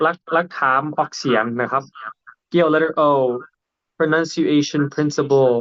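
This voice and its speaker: A man's voice: on the high side, fairly even intonation, takes it slowly, a bit bright, no room sound. A man teaching English in a casual bilingual lesson, who politely asks the learner questions. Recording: dull lo-fi recording.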